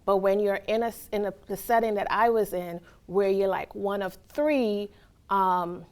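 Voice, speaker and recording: A woman's voice: mid-range voice, moderate pace, a little mellow. A woman from Trinidad and Tobago giving reflective, earnest answers in a casual interview, often checking in with "right?". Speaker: interviewee, college staff.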